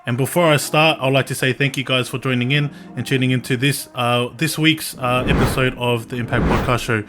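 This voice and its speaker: A man hosting a podcast in casual, earnest, slangy talk, often halting and repeating words. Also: mid-range voice, fairly even intonation, fairly bright tone, slight background noise. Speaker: podcast host. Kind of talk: casual chat.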